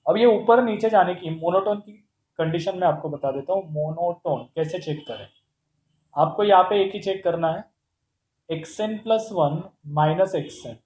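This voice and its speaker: A man walks through a math lesson, posing questions and answering them himself in a playful way. His voice sits high but mellow. The room is echoey, with a faint hum behind him. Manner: explains step by step with rhetorical questions; playful, calls terms "bhai sahab". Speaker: math teacher.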